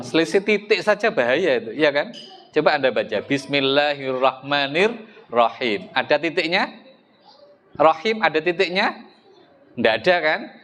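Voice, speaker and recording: A man's voice: mid-range voice, a bit bright, slight background noise. A middle-aged man with an East Javanese accent giving a religious study lecture in a mosque, talking conversationally and asking his listeners rhetorical questions. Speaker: Islamic religious teacher.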